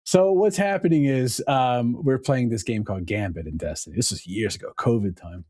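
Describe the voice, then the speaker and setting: A man, a podcast guest, telling stories in a casual conversation with an animated, laughing manner. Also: medium pitch, moderate pace, no echo, clean studio sound. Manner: animated storytelling, laughs often.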